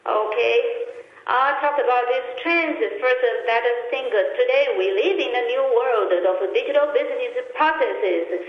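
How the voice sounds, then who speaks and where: A fairly high-voiced woman analyst heard over a speakerphone, her voice muffled and bouncing around the room on the line. She talks in a measured, halting way, with plenty of pauses and fillers. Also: echoey room. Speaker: research analyst guest. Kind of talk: phone-in radio interview.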